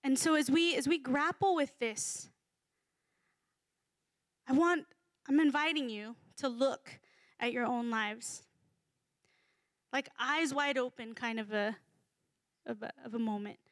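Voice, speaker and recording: A woman's voice: sits high, slow pace, pauses often, fairly bright tone, dry recording, clean studio sound. A woman in her thirties giving a casual, humorous sermon to a congregation, chatty and full of fillers. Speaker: speaker at a church gathering.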